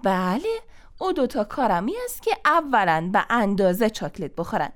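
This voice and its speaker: A woman with an Afghan Dari accent hosting a children's show, gently explaining and soothing. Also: medium pitch, very animated. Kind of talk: scripted children's TV chat.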